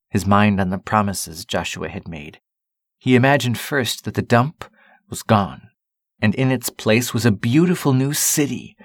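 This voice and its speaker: A man narrating a story in a steady, calm reading voice. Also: fairly low pitch, no echo, clean studio sound.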